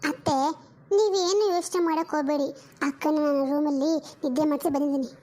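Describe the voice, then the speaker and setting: Someone voicing gentle young Kavya. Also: high-pitched, brisk, pitched below the performer's own voice, lightly acted. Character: soft-spoken young woman, Kavya. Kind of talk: family drama voice acting.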